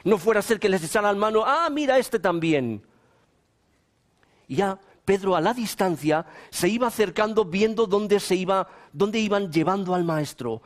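A man's voice: high voice, normal speed, few pauses. A man preaching to young people, telling a personal story dramatically and acting out the voices he quotes.

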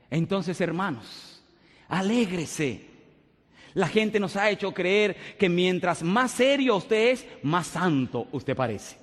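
Preacher man in a reverberant church. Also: high voice. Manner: joyful, storytelling preacher who laughs as he preaches. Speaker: pastor. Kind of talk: sermon. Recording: long reverb of a church hall.

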